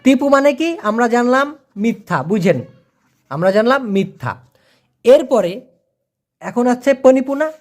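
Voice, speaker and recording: A Malay teacher gives a video lesson. The teacher says foreign phrases very slowly, repeats them, and keeps coaxing viewers with please and brother. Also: mid-range voice, a little mellow.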